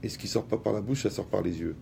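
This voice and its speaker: In a lively talk to an audience, a man with a low, heavily gravelly voice speaks in a relaxed, colloquial way, addressing listeners directly with everyday examples. His tone is dark and mellow, his pace quick, and there is slight background noise.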